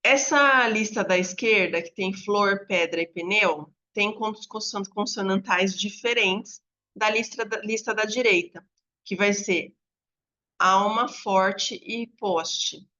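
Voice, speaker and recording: Patient woman teacher for an online lesson; bright tone, slightly dull recording. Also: mid-range voice. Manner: patient, explains slowly with drawn-out examples. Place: home apartment with dogs barking nearby.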